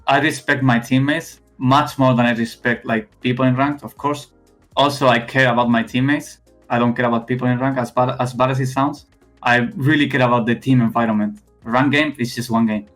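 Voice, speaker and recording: A young Spanish man speaks English with a heavy accent, stopping and restarting his sentences as he goes. His pitch sits in an ordinary middle range. Faint music plays quietly in the background. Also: fairly even intonation. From Spain. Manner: halting, many restarts and fillers. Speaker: esports player guest. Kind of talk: casual interview.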